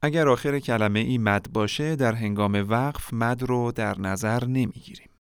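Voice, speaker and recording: Male lesson narrator, smooth and close, dead-dry sound, measured delivery that drags out example words. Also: mid-range voice, no echo. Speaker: Quran recitation teacher. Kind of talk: scripted instructional narration.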